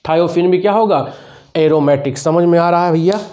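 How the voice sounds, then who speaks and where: High-voiced Hindi chemistry teacher drilling. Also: male voice, brisk, dark tone. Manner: counts aloud step by step, drills students with questions. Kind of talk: whiteboard lecture.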